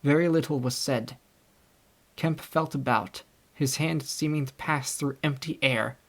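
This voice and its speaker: A young man reading a classic novel aloud in scripted audiobook narration, with a steady storytelling delivery. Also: mid-range voice, measured pace, husky. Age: young adult. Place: home recording setup.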